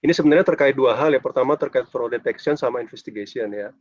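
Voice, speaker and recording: A man's voice: medium pitch, quick pace, no echo. A man lecturing a university class over a video call with a dull, choppy connection, chatty and ending phrases with a questioning "ya". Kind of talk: casual online class lecture.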